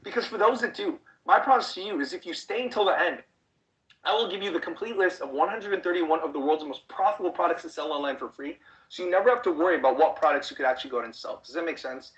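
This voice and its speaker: A man from the Chicago suburbs giving an online sales webinar pitch, pushy and constantly asking the audience if they are following. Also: fast, a bit bright, muffled recording. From United States, Chicago suburbs. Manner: pushy, repeats rhetorical check-in questions. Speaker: online business trainer.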